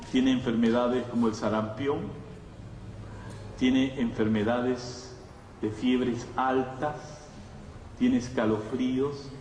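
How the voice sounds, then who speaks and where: This preacher's voice is medium in pitch and a little mellow. Speaking to the congregation in a Latin American Spanish accent, he delivers an emphatic, conversational sermon full of repeated phrases and rhetorical questions, picked up by a distant mic in a reverberant hall with slight background noise.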